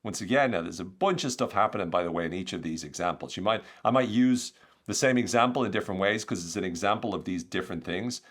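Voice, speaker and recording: A man hosting a podcast, explaining techniques in an energetic, conversational way with lots of examples. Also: lowish voice, fast talker. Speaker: podcast host, communication coach.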